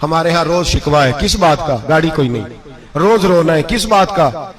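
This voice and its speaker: A man's voice: a little high, lively intonation, fairly bright tone. A male preacher tells a moral story in an emotive sermon and swells to emphatic peaks.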